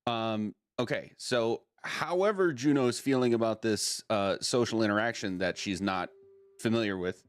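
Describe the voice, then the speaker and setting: A man's voice: on the low side, moderate pace. A man acting as game master, narrating and chatting casually at a tabletop game. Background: faint music.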